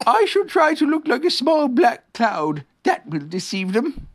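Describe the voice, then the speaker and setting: Someone voicing an earnest, high-pitched little storybook bear. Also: big pitch swings, exaggerated voice. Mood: musing. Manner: earnest, musing, halting. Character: Winnie the Pooh, earnest, gentle, silly little bear. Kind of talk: children's storybook character voice.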